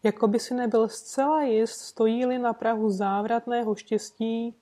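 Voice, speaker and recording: A woman reading a classic detective story aloud as an audiobook narrator, with steady storytelling narration. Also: a little high.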